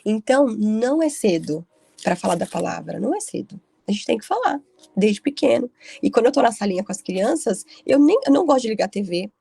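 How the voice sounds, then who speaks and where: A woman's voice: medium pitch, lively intonation, a little fast, gravelly, warm tone, slightly rough, no echo. A woman leading a casual group Bible study, telling stories in a chatty way with frequent tag questions. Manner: chatty storytelling with frequent "né" tags.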